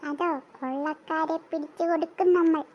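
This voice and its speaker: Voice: high-pitched, steady tone, normal speed, dull audio, close to an everyday voice. A performer voicing a jittery young boy who stammers and talks urgently. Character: jittery young boy Vasu, easily scared.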